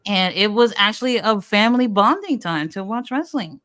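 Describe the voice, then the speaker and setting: This casual chat comes from a US-born show host in her thirties, raised speaking Haitian Creole first, who tells stories in a frank, talkative way peppered with fillers. She speaks at normal speed in an expressive, mid-range voice with a fairly bright tone.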